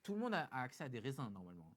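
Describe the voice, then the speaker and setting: A man's voice: medium pitch, rapid-fire. A young man hosting a live show, chatting casually as he reads out tweets and reacts with lots of fillers and asides. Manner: chatty, animated, full of fillers. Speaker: host. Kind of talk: casual chat reading tweets.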